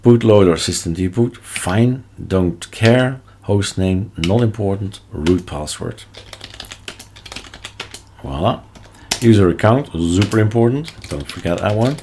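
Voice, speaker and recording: Male screencast host, Belgian accent, non-native; lowish creaky voice, thinks aloud in clipped casual bits. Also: animated, slow pace. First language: not English. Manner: short choppy phrases, offhand asides. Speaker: tutorial host. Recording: noticeable background noise, keyboard clicks and typing. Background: keyboard typing and mouse clicks.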